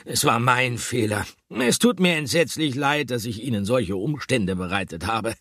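A man voicing a courteous, apologetic gentleman who speaks formally. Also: medium pitch, expressive, normal speed, no room sound, clean studio sound, voice pushed up. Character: polite apologetic deep-voiced man.

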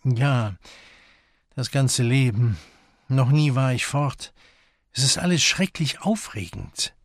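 A man's voice: medium pitch, expressive, takes it slowly, dry recording. A man voicing a young woman who is eager and gushing, in a dry audiobook reading. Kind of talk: audiobook character voice.

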